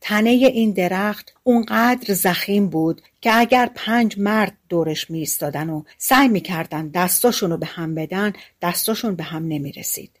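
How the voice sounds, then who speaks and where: A woman narrating a fairy-tale audiobook in a calm, colloquial storytelling manner. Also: medium pitch, hardly any pauses.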